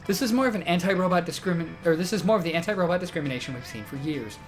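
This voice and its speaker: A literal-minded robot voiced by a man for a tabletop game. He speaks in stilted, formal phrases with pedantic deadpan, over faint background music. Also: sits high, racing. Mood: stilted pedantry. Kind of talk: in-character tabletop game role-play.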